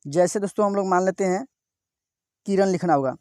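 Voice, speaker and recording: A male teacher giving a step-by-step reading lesson, sounding out each syllable slowly and repeatedly asking his viewers "what, friends?". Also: sits high, darkish tone, no echo, studio quality.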